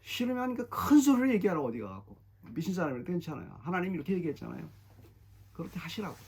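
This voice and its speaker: A middle-aged man preaching a sermon as pastor, emphatic and animated, often repeating his phrases. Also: high voice, racing, creaky, husky. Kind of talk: expository sermon.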